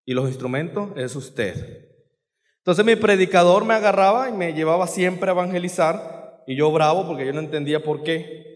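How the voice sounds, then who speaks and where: Guy preaching in a church hall, high voice, goes loud then quiet, big echo. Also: moderate pace. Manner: dramatic, swings between loud outbursts and quiet asides. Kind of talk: sermon.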